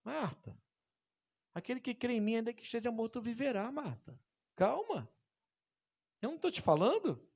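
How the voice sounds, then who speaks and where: A male preacher voicing a gentle, calm Jesus who speaks softly and soothingly to comfort a woman. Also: very high voice, normal speed, creaky, pauses often, pitched above the performer's own voice, heavily acted. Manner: soft, soothing, hushed.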